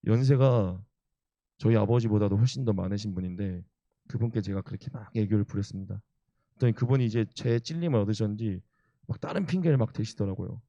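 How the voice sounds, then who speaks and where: A man's voice: on the low side, fast, warm tone, no room sound, highs cut off. A young man, an evangelist, preaching a sermon and telling personal stories earnestly. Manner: earnest storytelling, acts out quotes.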